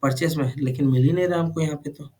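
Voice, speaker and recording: A man's voice: on the high side, steady tone, quick pace, a little mellow. Teacher quizzing his class. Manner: checks understanding with frequent questions. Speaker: computer course teacher. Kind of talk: live classroom instruction. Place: classroom with students.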